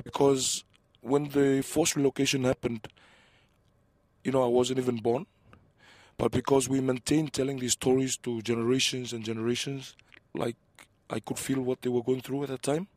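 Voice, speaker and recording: A man from Fiji speaking in an interview, soft and hesitant, reflecting slowly on his community. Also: medium pitch, no echo.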